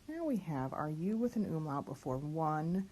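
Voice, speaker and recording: A woman teaching lyric diction, slowly spelling out letters and sounds one by one. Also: deep voice, animated, dark tone, slight background noise. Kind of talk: online diction lesson.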